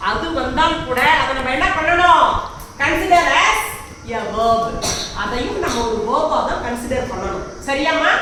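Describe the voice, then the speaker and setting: Woman, Tamil accent, teacher, bright sharp tone, distant mic, faint background noise. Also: high voice, very echoey. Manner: explains in Tamil mixed with English, asks frequent check questions. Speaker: English teacher. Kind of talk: classroom grammar lesson.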